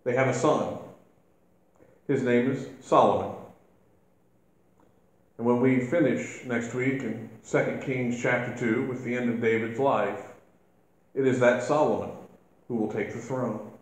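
A male minister preaches at an unhurried, measured pace. His voice rings through a very echoey church sanctuary, and it lifts with emphasis when he quotes scripture. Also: medium pitch, steady tone. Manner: slow, deliberate preaching with emphatic rises when quoting scripture. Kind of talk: sermon.

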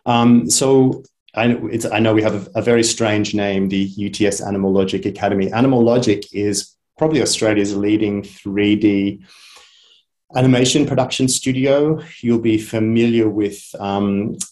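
A man's voice: lowish voice, fairly even intonation, normal speed, darkish tone. A man presenting in an online webinar, talking in a chatty way with frequent ums and restarts. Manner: chatty, hesitant with many ums. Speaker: head of a media academy. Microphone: video call.

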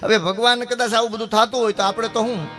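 A middle-aged man tells folk jokes at a rapid clip. His voice sits high for a man. He moves into his characters' dialogue without pausing. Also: steady tone, sharp tone, faint music behind. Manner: rapid rustic joke-telling with dialogue voices. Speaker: folk comedian. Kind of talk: stage folk humor storytelling.

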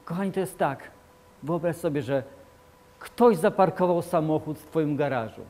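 A man's voice: a little high, normal speed. Emphatic man preaching a sermon. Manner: emphatic, repetitive, swings between loud and quiet. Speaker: pastor.

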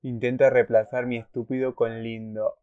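In a relaxed reaction video, a twenty-something Argentine host reads subtitles out loud and interjects with exclamations. He speaks at a moderate pace in a mid-range voice with little pitch variation and a clean tone. The recording is dry, with narrow, tinny audio.

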